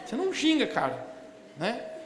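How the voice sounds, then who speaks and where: Pastor guy, really high voice, joking around mid sermon, big echoey church hall. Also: moderate pace, slight background noise. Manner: animated, joking storytelling with the congregation.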